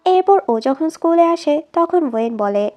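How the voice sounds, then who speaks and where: A woman narrating a drama plot in a steady storytelling read, quoting each line of dialogue. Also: extremely high pitch, moderate pace.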